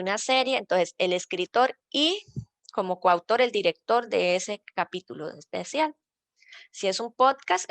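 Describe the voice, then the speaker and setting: Speaking at a medium pitch with no room sound, this Costa Rican librarian teaches citation style in an online workshop. She lays out the rules patiently, step by step.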